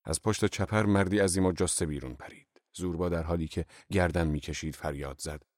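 A man with a very deep voice reads a novel aloud at a measured, even pace. The sound is dry and close, with no room around it. He tells the story plainly and keeps his delivery steady. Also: no echo. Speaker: narrator. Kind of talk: audiobook narration.

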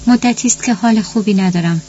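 A woman's voice: mid-range voice, warm tone, close to an everyday voice. Hurt pleading daughter, as a woman reads her. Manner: pleading and reproachful. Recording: muffled recording with faint hum.

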